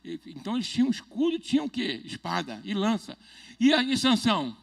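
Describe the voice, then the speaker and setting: A man's voice: high-pitched, very animated, a little fast, gravelly, fairly bright tone. A man preaching a midweek church sermon as pastor, talking conversationally, joking and constantly checking the congregation with questions. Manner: jokes and chuckles between points.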